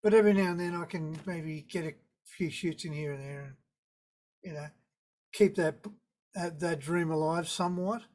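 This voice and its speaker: A laid-back man from Tasmania, Australia, with a Tasmanian accent and a fairly high voice, speaks at a normal speed as a surf photographer guest in a casual video-call interview. He's a relaxed, rambling storyteller given to understatement, recorded on a webcam in an indoor room with a virtual wave backdrop.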